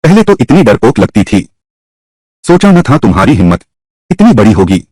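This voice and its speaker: An arrogant young nobleman, as a man voices him, contemptuous and lecturing, in a husky, animated voice. The recording is dry and close. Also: lowish voice, normal speed, no room sound.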